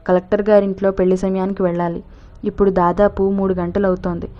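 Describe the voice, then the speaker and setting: A man's voice: sits high, level tone, quick pace, close to an everyday voice. A woman voicing a self-important, impatient middle-aged man, in a dull lo-fi recording. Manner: bossy, impatient.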